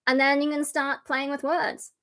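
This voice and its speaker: Worn out and speaking in vocal fry, a woman streamer and metal vocalist casually explains screams, rambling with plenty of fillers and dropping harsh unvoiced scream demonstrations. She has a high, sharp voice, a flat delivery and normal speed.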